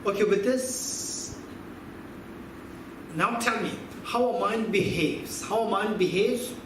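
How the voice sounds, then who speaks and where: A man in his fifties gives a conversational teaching talk, quizzing his listeners and repeating his key points. His voice sits somewhat high for a man. He is picked up from a distance in a very echoey hall, with steady noise underneath. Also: takes it slowly. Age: 50s. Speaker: Buddhist philosophy teacher. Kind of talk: teaching talk with audience questions.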